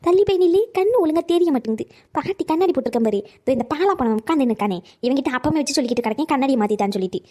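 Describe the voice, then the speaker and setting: A woman voicing a sharp-tongued elderly grandmother in a cartoon, mocking and nagging the young men. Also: high-pitched, lively intonation. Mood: scolding. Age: older. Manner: scolding, mocking, rapid nagging. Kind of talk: cartoon voice acting.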